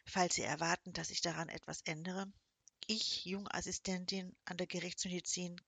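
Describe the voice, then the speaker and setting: A woman's voice: fairly low pitch, steady tone, normal speed, creaky, fairly bright tone, breathy edge, no room sound, exaggerated voice. A woman voicing a young forensic assistant who speaks in a cool, curt and sarcastic way.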